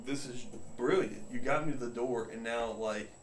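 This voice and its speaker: A man's voice: mid-range voice, normal speed. A man co-hosting a casual podcast, telling rambling stories and acting out the people he quotes. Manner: rambling storyteller, acts out quoted voices. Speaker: podcast co-host. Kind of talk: casual chat. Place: home room. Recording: roomy echo, faint room noise.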